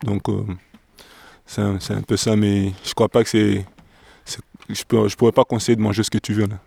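A man's voice: on the low side, little pitch movement, brisk, creaky, warm tone, husky, no echo. A young man from DR Congo, a professional basketball player answering interview questions hesitantly and searching for words.

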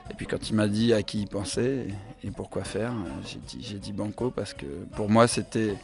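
A man's voice: lowish voice, steady tone, moderate pace, creaky, darkish tone, faint music behind. A musician, a man, recounts a story in a documentary interview and acts out the dialogue.

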